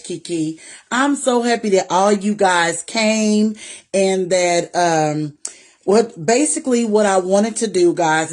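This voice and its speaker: Lady in her 40s, slow easy live stream chat, says hi to everyone by name. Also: mid-range voice. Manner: warm, greets viewers by name, Southern "y'all" talk. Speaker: vlogger hosting a live stream.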